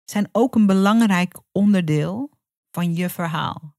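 A woman's voice: fairly low pitch, a little slow, a little mellow, no room sound, clean studio sound. A woman hosting a podcast interview, encouraging and talking in long winding sentences full of fillers. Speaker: podcast host.

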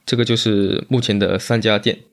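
A man's voice: lowish voice, little pitch movement, normal speed, gravelly. A man speaking as an interview guest in a casual chat, explaining things and repeating phrases for emphasis. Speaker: interview guest, magician and bar owner.

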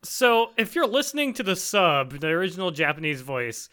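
A man chatting casually and rambling eagerly about what he loves. His tone is bright and forward, pitched a bit high. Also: very animated, normal speed. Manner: enthusiastic, rambling with restarts. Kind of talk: casual chat.

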